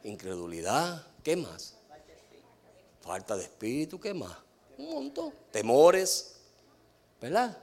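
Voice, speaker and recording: A man preaching a sermon, asking the congregation questions and answering them himself, slowing down to stress key words. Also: on the high side, huge pitch swings, a little mellow. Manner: mixes in English fillers.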